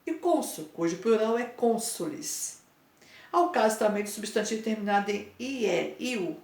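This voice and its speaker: Brazilian woman, mid pitch, grammar teacher, patient and repetitive, echoey room. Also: expressive, a little mellow. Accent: Brazilian Portuguese. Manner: patient, drawn-out spelling of word endings with frequent "né?" and "tá?" checks. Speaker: Portuguese teacher. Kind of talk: explaining homework to pupils.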